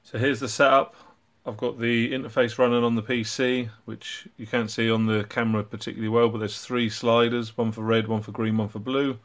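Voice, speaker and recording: A man hosting his own hobby channel, casually walking through a project and explaining it in a relaxed way with frequent ums and uhs. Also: medium pitch, brisk, hardly any pauses. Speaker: robotics hobbyist channel host.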